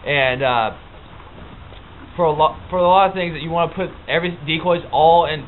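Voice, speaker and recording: On muffled, phone-like lo-fi audio with background noise, a fairly high-pitched man, a hunting instructor, gives a casual, unscripted how-to explanation. He talks in a halting, informal, plain-spoken way.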